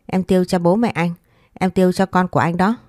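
A woman's voice: lowish voice, fairly even intonation, a little fast, a little mellow, no echo, clean studio sound, lightly acted. A woman voicing a spoiled, hot-tempered young wife who quarrels shrilly. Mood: angry.

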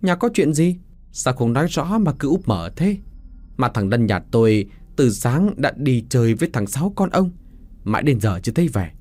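A man's voice: medium pitch, big pitch swings, normal speed, a little mellow, faint music behind. A man voicing a frantic, grieving middle-aged village father who pleads and cries out in anguish. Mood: insistent.

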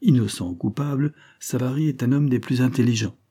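Un homme qui prête sa voix, dans un livre audio, à un agent de police franc et enthousiaste, au ton ardent et sincère. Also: male voice, medium pitch, fairly quick, warm tone, slightly rough, pitched above the performer's own voice, lightly acted. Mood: earnest, eager. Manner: frank, enthusiastic, earnest. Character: eager, outspoken male police agent. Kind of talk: audiobook character reading.

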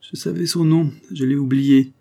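A man's voice: mid-range voice, a little fast, mellow, husky, lightly acted. A man reading the part of a weary young widow who turns nervous and insistent when money comes up. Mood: feverish. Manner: fretful, nervous, turning insistent.

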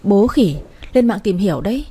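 A woman's voice: medium pitch, expressive, normal speed, mellow, breathy edge. A woman voicing a blunt, chatty young female best friend.

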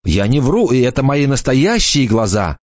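A man's voice: mid-range voice, very animated, moderate pace, no echo, voice pushed up. A male narrator voicing a scared young man who stammers and pleads while held at knifepoint, in a dull, dry recording. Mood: desperate insisting.

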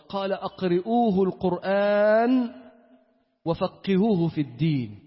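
Preaching a Friday sermon that includes recitation and supplication, a man speaks in a high-pitched, slightly rough voice with an Egyptian Arabic accent. His delivery is emphatic, with key phrases repeated, and the dull audio carries a long echoey hall reverb.

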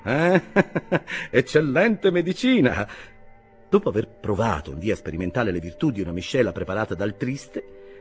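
Expressive man reading a classic novel. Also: lowish voice. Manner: theatrical, expressive storytelling. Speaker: audiobook narrator. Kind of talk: scripted narration, literary reading.

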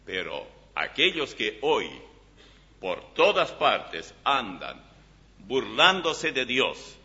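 A man preaching with animated, emphatic delivery, his voice swinging from soft to loud. His tone is bright and his pitch moves a lot. The recording is dull and lo-fi, with a long hall reverb. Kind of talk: sermon with Bible reading.

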